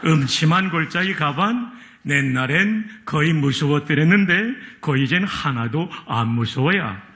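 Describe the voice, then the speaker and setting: A man putting on a slow Pyongan-dialect reader. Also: on the high side, expressive, pushed and bright, pitched above the performer's own voice, exaggerated voice. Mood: amused. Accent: Pyongan dialect, put on. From Chungcheong, Korea. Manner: slow, chuckling delivery. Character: man reading a psalm in Pyongan dialect, chuckling. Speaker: pastor.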